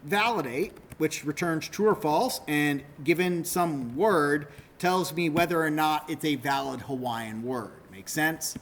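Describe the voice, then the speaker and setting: A man's voice: a little high, a little slow, few pauses, a bit bright, a little hiss or hum. A male university lecturer giving a classroom lecture, explaining step by step, correcting himself often and checking that students follow.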